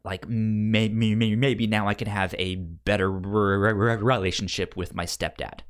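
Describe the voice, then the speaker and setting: A man's voice: fairly low pitch, fairly even intonation, normal speed, clear, resonant tone. A man co-hosting a podcast who stammers and restarts his sentences often. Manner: stammering, many restarts and fillers. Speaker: podcast co-host. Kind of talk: casual chat.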